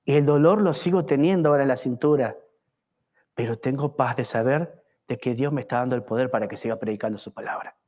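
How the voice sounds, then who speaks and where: A pastor preaching a fervent evangelical sermon at a church service, asking the congregation many rhetorical questions. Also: male voice, medium pitch, fast talker, warm tone.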